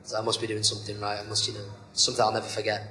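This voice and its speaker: Talking very fast in a lowish voice, this young professional wrestler chats casually as an interview guest, rambling and leaning heavily on "you know" fillers; he calls himself monotone. The poor audio has a roomy sound and slight background noise.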